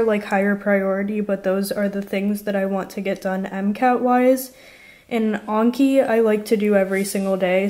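With a dark, medium-pitched voice, a woman in her twenties chats to the camera from her apartment living room for her study vlog about preparing for a medical school entrance exam. Her talk is casual and full of "like" and "um."

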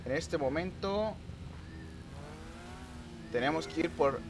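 Excitable high-voiced gamer man. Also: slow, a little hiss or hum. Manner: excitable, swings from muttering to shouting. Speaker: gaming streamer. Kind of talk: live gameplay commentary.

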